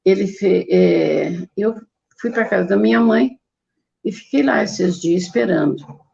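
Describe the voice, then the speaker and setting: An older woman with a Brazilian Portuguese accent and a very gravelly voice, telling a personal testimony and acting out her own quoted words. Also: medium pitch, a little slow, dark tone, muffled recording. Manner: storytelling with acted quotes of herself. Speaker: guest giving testimony.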